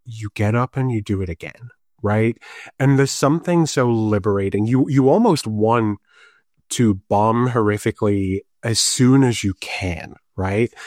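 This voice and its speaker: In a clean studio recording free of echo, a Liverpudlian man, an urban planner who also does improv comedy, guests on a conversational podcast interview. His medium-pitched voice is slightly mellow, and he talks with animation and self-deprecating humor.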